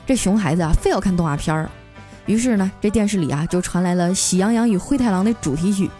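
A woman podcast host telling comic stories in a lively, playful way. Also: lowish voice, faint music behind. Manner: lively, playful with frequent drawn-out particles. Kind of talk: comic storytelling.

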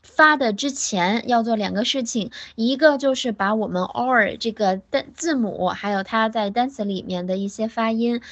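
A woman teaching pronunciation in an online class. She switches between explanations and English examples, drilling words slowly syllable by syllable. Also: medium pitch. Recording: dull lo-fi online audio.

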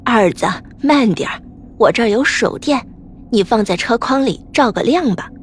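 A woman voicing a kindly elderly woman with a gentle, caring way of speaking in a storybook reading. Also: fairly high pitch, lively intonation, moderate pace, slight background noise, natural voice. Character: kindly elderly woman running a wonton stall.

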